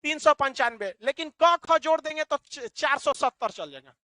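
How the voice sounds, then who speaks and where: A male teacher lecturing a classroom, animated, asking the class questions and answering them himself. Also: very high-pitched, moderate pace, no echo.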